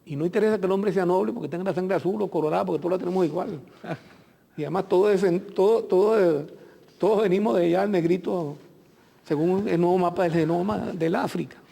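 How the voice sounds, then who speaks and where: Venezuelan guy on a tv interview, gravelly, kinda dark voice, long reverb. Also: high-pitched, quick pace. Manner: reflective, speaks in long rhetorical lists. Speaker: consul general, interview guest. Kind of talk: earnest TV interview talk.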